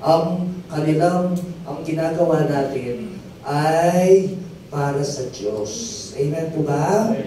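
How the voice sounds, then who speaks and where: Taking his time, a pastor with a slightly high, warm voice preaches and tells stories. He asks the crowd for "amen" over and over, call-and-response style, as his testimony climbs to emphatic peaks. The mic is far off in a very echoey hall, with a trace of noise.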